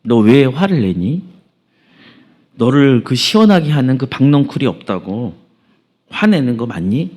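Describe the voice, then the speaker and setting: A man voicing a patient, gentle God. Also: mid-range voice, very animated. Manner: slow, gentle questioning. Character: patient, questioning male deity.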